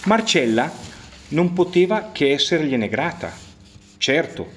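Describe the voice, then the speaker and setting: A man narrating a children's fairy tale, expressive, with rising swells and slowed emphasis. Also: a little hiss or hum. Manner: expressive storytelling with pitch swings and slowed emphasis. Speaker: storyteller.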